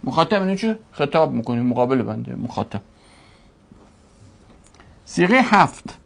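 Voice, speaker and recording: Gravelly man teaching a grammar class. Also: medium pitch, big pitch swings, a little hiss or hum. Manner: drills word forms slowly, stretching each syllable; asks the class questions and answers them himself.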